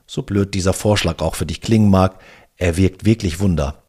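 A man's voice: low voice, normal speed, a little mellow, husky. A man hosting a podcast, coaching the listener on how to speak on the phone. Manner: coaching, addresses listener directly with exercises. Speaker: podcast host and sales coach. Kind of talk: instructive podcast monologue.

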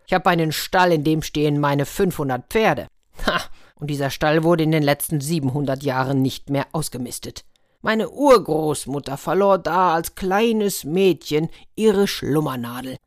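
A woman voicing a gruff, menacing male giant in a fairy tale, speaking loudly and bossily. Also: deep voice, moderate pace, dry recording, clean studio sound.

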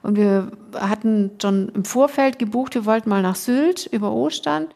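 A woman's voice: mid-range voice, moderate pace, creaky, darkish tone. A middle-aged woman, a podcast guest, earnestly telling a personal story in casual conversation, emotional and full of restarts.

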